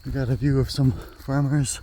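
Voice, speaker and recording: A man's voice: medium pitch, level tone, moderate pace, warm tone, slight background noise. A man hosting a hiking vlog, chatting casually and thinking aloud as he walks a wooded trail with a handheld camera. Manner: chatty, musing aloud with fillers. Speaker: hiking vlogger host. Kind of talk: casual walk-and-talk narration. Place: outdoors on a wooded prairie trail. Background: faint insects and crickets.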